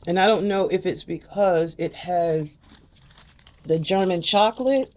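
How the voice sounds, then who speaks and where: A woman's voice: on the low side, measured pace, darkish tone. An older woman hosting a casual chat, chatty, sometimes reading package text aloud. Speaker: host.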